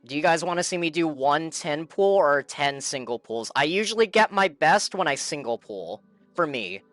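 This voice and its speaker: A game live streamer chats casually while playing, repeating himself in a playful, pleading way. His voice is a little high, expressive and fairly bright, at a moderate pace. There's no echo, just faint music behind.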